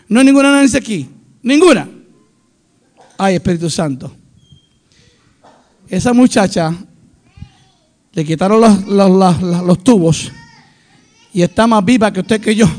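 Middle-aged guy preaching a fiery sermon, really high voice, goes loud then quiet. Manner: impassioned preaching, swinging from loud to hushed. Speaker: pastor.

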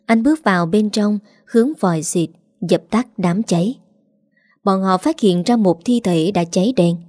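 A woman narrating a story in a steady, even manner. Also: mid-range voice, normal speed, no room sound, clean studio sound.

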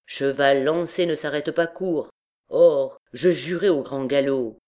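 A woman's voice: low-pitched, unhurried, a little mellow. A woman voicing a swaggering young male army captain who bellows oaths boisterously. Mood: swearing.

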